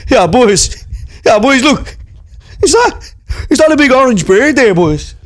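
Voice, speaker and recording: A man's voice: very high voice, big pitch swings, measured pace, voice pushed up, heavily acted. A man playing a brash young male party lad who bluffs and stammers through slangy banter. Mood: defensive.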